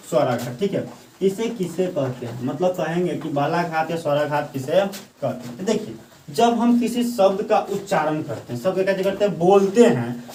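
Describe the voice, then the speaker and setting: A male Hindi grammar teacher gives a class lecture, often asking questions and answering them himself, and slowly repeating points for dictation. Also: a little high, darkish tone, slight background noise. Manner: slow, drawn-out dictation at times. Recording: echoey room, voice from the mic's far side.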